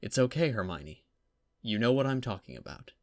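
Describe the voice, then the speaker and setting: With a medium-pitched voice, a man plays a calm, self-assured boy who acts as a teacher, coaxing in a measured way. The recording is dry and close, with no room sound.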